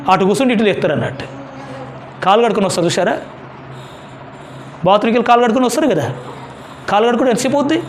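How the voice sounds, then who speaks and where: A man's voice: sits high, racing, pauses often, soft background music. A man pastor giving a sermon, preaching emphatically with rhetorical questions and repeated hallelujahs.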